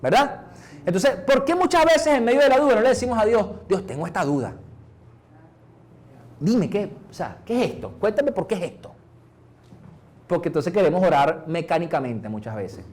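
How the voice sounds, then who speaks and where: A middle-aged Venezuelan man preaching a sermon as pastor, conversational, dropping softer to act out prayers. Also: sits high, lively intonation, fairly quick. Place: church.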